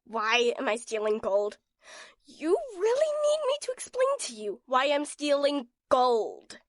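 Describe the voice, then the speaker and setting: A woman's voice: high voice, wildly swooping pitch, measured pace, no room sound, studio quality, exaggerated voice. A woman voicing a haughty, bossy villain princess in a comedy audio drama, barking orders at her minions. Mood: exasperated. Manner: imperious, shouting orders.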